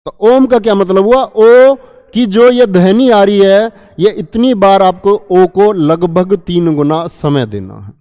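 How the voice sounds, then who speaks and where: A man with a high but dark, smooth voice teaches Hindi grammar slowly in an online exam-prep class, with a big-room sound. He asks his students the same questions repeatedly and draws sounds out to show how they work.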